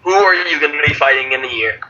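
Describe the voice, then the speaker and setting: A man with a very bright, sharp voice pushing questions and cutting others off in a casual call-in chat. His pitch sits a little high. The audio is dull and lo-fi, like a video call. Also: animated, fast talker. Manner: pushy, interrupting. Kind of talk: casual online radio chat.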